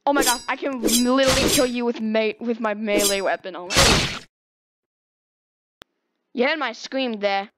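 A woman giving casual, excitable commentary while playing a video game, with sudden squeals and exclamations. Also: a little high, a little fast, few pauses, noisy background. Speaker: gaming video host.

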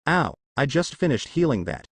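A man's voice: a little high, sing-song, moderate pace, a bit bright, husky, no room sound, full character voice. A man doing a whiny goofy teen ninja boy. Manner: whiny and playful.

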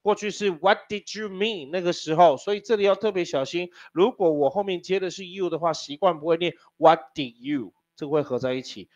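A man's voice: sits high, a little fast, few pauses, a little mellow. Joking male teacher. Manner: joking, teasing students, spells words out letter by letter. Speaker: English teacher. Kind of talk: classroom lesson. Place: classroom. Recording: dull lo-fi classroom recording.

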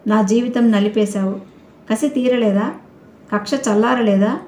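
A woman's voice: fairly high pitch, steady tone, measured pace, warm tone, lightly acted. A woman voicing an indignant young bride with an accusing manner, in an audio novel reading. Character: young bride, bitter and defiant. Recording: roomy echoey recording.

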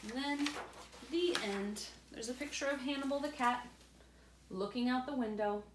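With a high-pitched voice at a moderate pace, a middle-aged woman explains a picture book to young children while reading it to them as their teacher. She's indoors at home by a glass door, picked up by a camera a few feet away amid roomy echo and faint room noise.

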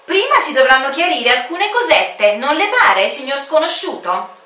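A woman's voice: high voice, big pitch swings, moderate pace, sharp tone, reverberant, distant mic, pitched above the performer's own voice, heavily acted. A woman voicing a stubborn, officious male airport commander who speaks in an indignant, bossy way. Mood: stern.

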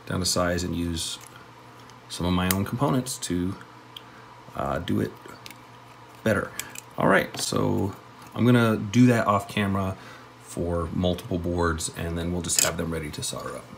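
A man's voice: deep voice, creaky, a little hiss or hum. A man casually talking through an electronics kit build at his workbench, thinking aloud with plenty of fillers. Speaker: electronics hobbyist host.

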